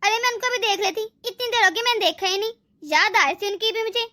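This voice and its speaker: A woman voicing a sickly, kind older mother-in-law in an animated family drama, speaking in a soothing, pleading way. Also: extremely high pitch, quick pace. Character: sickly, kindly older mother-in-law, always defending her daughter-in-law.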